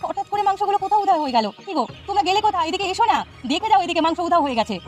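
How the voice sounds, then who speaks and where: A woman's voice: extremely high pitch, expressive, racing, faint music behind. A woman voicing a fretful, scolding village housewife in a cartoon. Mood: alarmed.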